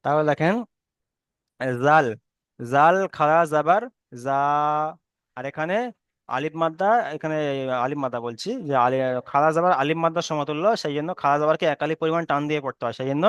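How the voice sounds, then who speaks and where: A man's voice: a little high, fairly even intonation, very fast, fairly bright tone, clear, resonant tone, no room sound. A man teaching an online Arabic reading lesson with a Bengali accent, patiently spelling out letters and correcting students.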